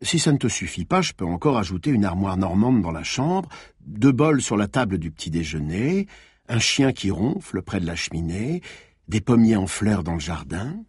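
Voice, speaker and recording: A man's voice: fairly low pitch, very animated, moderate pace, a little mellow, husky, no room sound, studio quality. A man voicing a playful young woman who teases a sleepy lover and dreamily describes her idea of treasure. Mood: dreamy. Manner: teasing, playful, wistful.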